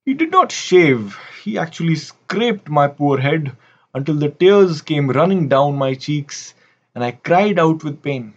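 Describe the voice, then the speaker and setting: A man's voice: a little high, lively intonation, measured pace, muffled recording. A man putting on a rueful Victorian plant hunter. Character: Victorian male plant hunter reading his memoir.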